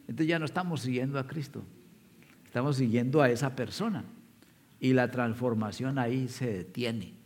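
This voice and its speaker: A man of medium pitch preaches a sermon, walking his listeners through a scripture story and asking them pointed questions. His voice rings out with the long reverb of a large church hall. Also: normal speed, a little mellow. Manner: storytelling, addresses the congregation directly.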